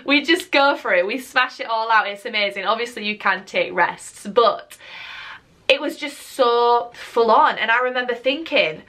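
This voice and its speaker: A woman's voice: a little high, animated, normal speed, pushed and bright. A young woman from the UK, chatting enthusiastically to camera as a YouTuber. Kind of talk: casual vlog talk to camera.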